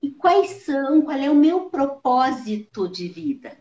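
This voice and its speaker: A woman hosting a casual live-stream conversation, lively and swooping in pitch as she explains. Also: a little slow. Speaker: live show host. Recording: roomy, slightly dull live-stream audio.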